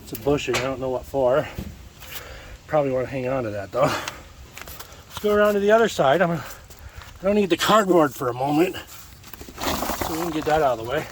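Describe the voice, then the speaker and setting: A man casually narrating his own car project while he works on it, relaxed and chatty, sometimes breathing hard from the effort. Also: a little high, brisk, pauses often, noisy background. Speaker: DIY builder vlogging his project.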